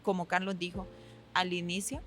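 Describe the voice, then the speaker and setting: A woman's voice: fairly low pitch, normal speed. A woman with a Honduran accent, talking candidly as a podcast guest and acting out the voices of the people in her stories. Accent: Honduran Spanish. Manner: animated storyteller who acts out quoted voices. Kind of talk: candid conversational chat.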